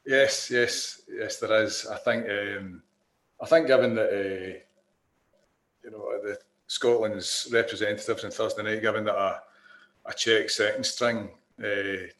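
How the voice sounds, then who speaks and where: A man, a regular podcast panelist, talking in a dry, measured way. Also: lowish voice, steady tone, fairly bright tone, reverberant. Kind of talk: casual chat.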